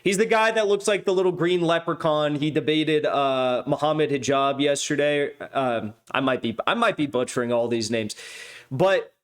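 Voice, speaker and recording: A man's voice: on the high side, normal speed, smooth. A man hosting a livestream news show, talking off the cuff in a rambling, sardonic way with mocking asides. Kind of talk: casual off-the-cuff monologue.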